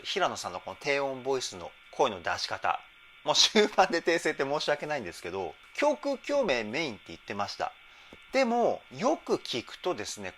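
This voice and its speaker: Animated, bright-voiced male vocal coach. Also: a little hiss or hum. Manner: enthusiastic, breaks into sung demos and falsetto examples. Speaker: vocal trainer. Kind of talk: reaction and vocal analysis commentary.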